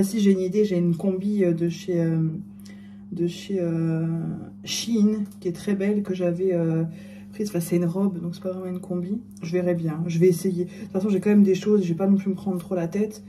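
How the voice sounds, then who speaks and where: A woman's voice: on the low side, steady tone, normal speed, warm tone, slight background noise. Chatty self-mocking middle-aged woman. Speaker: vlogger. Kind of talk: casual chatty vlog.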